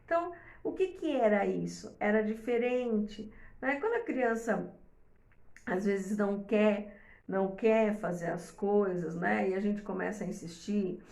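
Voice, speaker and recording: A woman's voice: medium pitch, measured pace, vocal fry, darkish tone. A middle-aged woman giving an informal online lecture as a parenting mentor, talking conversationally and tagging her sentences with "né?". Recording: roomy echo.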